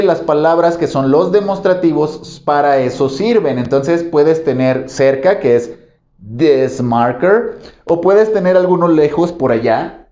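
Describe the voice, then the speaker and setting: A man, an English teacher giving a patient video lesson and repeating examples slowly. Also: a little high, mellow. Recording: roomy, slightly dull sound.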